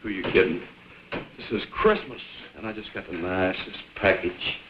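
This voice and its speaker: A man's voice: low-pitched, normal speed, noisy background, natural voice. An actor playing a leering, swaggering crook who taunts his captive in slangy talk, in the style of an old crime film. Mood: smug, leering. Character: menacing, leering male crook holding a woman captive. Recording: muffled old film soundtrack, music underneath.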